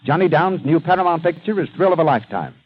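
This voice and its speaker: A man's voice: on the high side, lively intonation, fast. Formal 1930s radio announcer man, old broadcast. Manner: formal, polished announcer delivery. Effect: old radio show broadcast sound. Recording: dull lo-fi 1930s radio recording with faint hiss.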